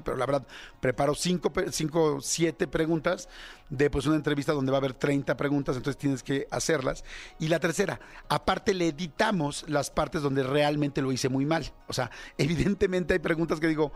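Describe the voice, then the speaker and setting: Chatty Mexican man in his fifties. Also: a little high. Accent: Mexican Spanish. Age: 50s. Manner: candid, self-critical, chatty with many fillers. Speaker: radio host. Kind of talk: casual radio monologue.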